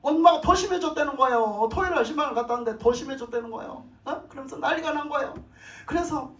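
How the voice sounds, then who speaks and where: A male pastor telling a testimony in his sermon, in an animated, emotional way. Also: very high voice, fast. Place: church sanctuary. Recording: roomy echo, mic at a distance.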